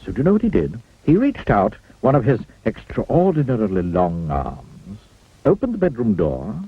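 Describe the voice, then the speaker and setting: A man's voice: on the low side, slightly rough. A man reading a children's storybook aloud in a playful way, stretching out words for emphasis. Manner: playful, swooping, drawn-out emphasis. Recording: slightly muffled, faint music behind.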